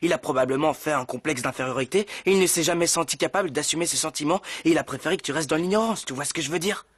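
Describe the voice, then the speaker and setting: An actor playing an earnest, romantic young gentleman in a dubbed telenovela. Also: fairly high pitch, very fast, husky, no echo, clean studio sound. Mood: calm, probing. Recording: loud music behind the voice.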